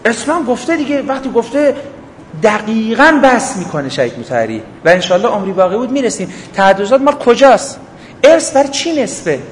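This religious lecture comes from a man whose voice is extremely high and sing-song; he shoots off rhetorical questions and performs short everyday exchanges. Recorded in an echoey hall, it carries faint ambience and a little hiss or hum.

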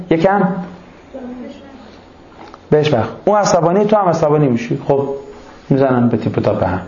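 A man giving sermon-style advice to parents. He talks in an animated way, asks rhetorical questions and lists his points one by one. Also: a little high, reverberant, muffled recording, slight background noise.

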